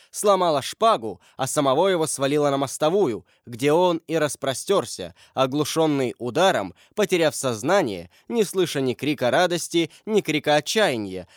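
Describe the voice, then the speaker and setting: A man narrating a historical novel audiobook in a measured, dramatic way. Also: on the high side, no echo, clean studio sound.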